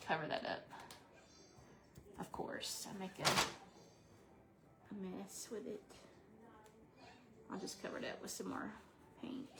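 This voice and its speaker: A woman's voice: medium pitch, heavy background noise. A woman in her forties chatting casually to camera while painting a craft, rambling and talking to herself as she works. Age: 40s. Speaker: craft vlogger.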